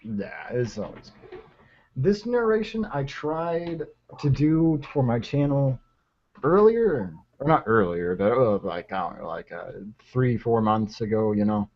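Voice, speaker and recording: A young man hosting a livestream. He rambles casually with plenty of ums and restarts. His voice sits at an ordinary pitch and comes through dull, lo-fi audio. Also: sing-song, measured pace. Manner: rambling, with many fillers and restarts. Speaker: livestream host. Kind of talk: casual chat and dramatic reading.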